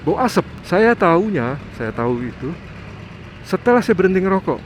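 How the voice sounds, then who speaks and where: A man's voice: high-pitched, big pitch swings, normal speed, a little hiss or hum, rough recording. A middle-aged man gives casual advice in a chatty vlog and keeps asking himself rhetorical questions. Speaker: vlogger.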